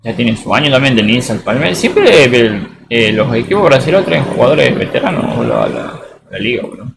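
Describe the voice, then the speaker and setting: A medium-pitched male voice with huge pitch swings and vocal fry moves fairly quickly over a noisy background. He's an Argentine from Tucumán, casually rambling while he plays on a live stream, slangy and repeating "boludo" a lot.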